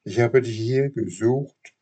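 A man voicing a kind, wise, motherly fairy in a read-aloud storybook, speaking gently and admonishing. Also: mid-range voice, takes it slowly, breathy edge, pitched above the performer's own voice.

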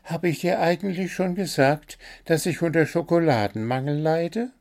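Man voicing a cheeky little bird, high and pushy, greedy for sweets, storybook. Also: normal speed, darkish tone, close to an everyday voice. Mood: demanding. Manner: demanding, sweet-toothed, pestering.

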